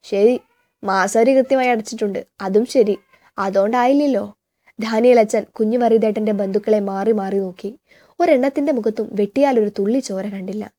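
A woman reading a novel aloud in a steady, measured narration. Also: mid-range voice.

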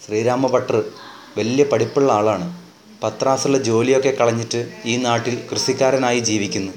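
A man voicing a local villager who slowly explains things to a newcomer, in an audiobook reading. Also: mid-range voice, fairly even intonation, darkish tone, close to an everyday voice. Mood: explaining. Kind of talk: audiobook narration.

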